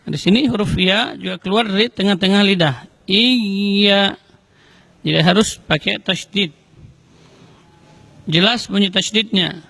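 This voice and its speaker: High, bright-voiced man teaching recitation. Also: creaky, slightly rough, no room sound. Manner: slow, careful explanations broken by drawn-out chanted recitation. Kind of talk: tajwid lesson with recited examples.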